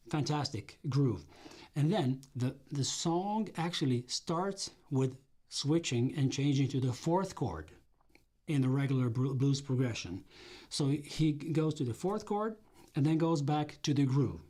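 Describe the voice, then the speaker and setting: Swedish guy in his 50s rambling about music on a stream, dark mellow tone, hums grooves out loud. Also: mid-range voice, expressive, measured pace. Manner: rambling, hums rhythms with mouth sounds. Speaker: livestream host and music producer. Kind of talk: casual livestream chat about music.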